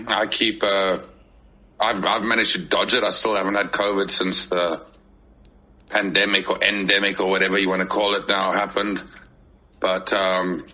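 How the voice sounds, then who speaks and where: A man hosting a casual online audio chat, his voice strained and prone to cracking, talking in a relaxed, rambling way. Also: low voice, low-quality recording. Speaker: host.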